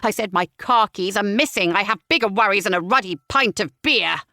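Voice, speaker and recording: A woman's voice: mid-range voice, a little fast, sharp tone, dry recording, clean studio sound. A woman voicing a pompous, blustering retired army major, an older man who grumbles and fumes. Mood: indignant.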